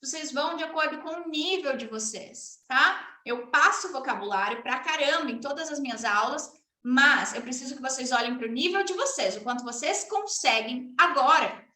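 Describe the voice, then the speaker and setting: A woman from Brazil teaching an online lesson, explaining in Portuguese and modeling English phrases slowly and clearly. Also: high voice, lively intonation, bright, forceful tone, reverberant.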